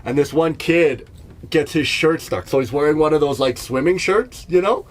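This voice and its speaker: A man's voice: fairly high pitch, lively intonation, normal speed. A middle-aged man from Canada telling stories in a rambling, self-mocking comedy podcast monologue. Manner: rambling, self-mocking, laughs at his own bits. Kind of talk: casual storytelling monologue. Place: in Jasper, staying in an RV.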